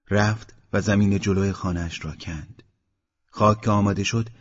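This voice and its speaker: A man narrating a story in a steady, measured reading, in a dull lo-fi audiobook recording. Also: low-pitched, husky, dry recording.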